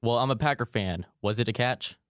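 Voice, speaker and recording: A young man interviewing a guest, firing off quick questions and teasing her answers. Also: medium pitch, fairly bright tone, no echo, clean studio sound. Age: young adult. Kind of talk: casual rapid-fire Q&A.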